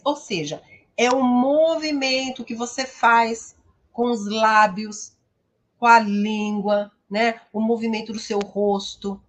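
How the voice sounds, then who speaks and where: With a slightly high, somewhat bright voice, this woman speaks in a Brazilian accent. She's an English teacher and host giving a promotional lesson, emphatic and didactic in manner, full of tag questions.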